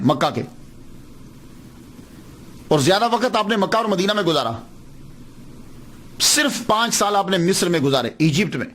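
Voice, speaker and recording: A man's voice: sits high, a bit bright. A man giving a patient, explanatory religious lecture, repeating words to stress how they are said.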